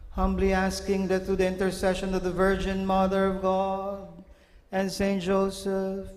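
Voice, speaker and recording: A man serving as priest, reciting liturgical prayers solemnly and in measured phrases, heard in a cathedral echo. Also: sits high, a little mellow. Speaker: priest celebrating Mass. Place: large church. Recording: long church reverb.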